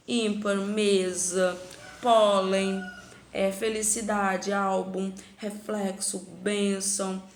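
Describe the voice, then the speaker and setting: A woman from Brazil teaches a recorded grammar lesson in a gravelly voice with a touch of vocal fry. She walks through each exercise step by step and keeps checking that her students follow. The room sounds echoey, with a faint hum of noise behind her. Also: mid-range voice, a bit bright.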